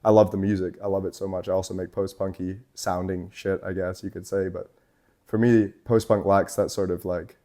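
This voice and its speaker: This young Scottish man, a guest artist at a tattoo shop, chats casually in a low, level, dark voice at a fairly quick pace. His talk rambles loosely, packed with fillers and swearing.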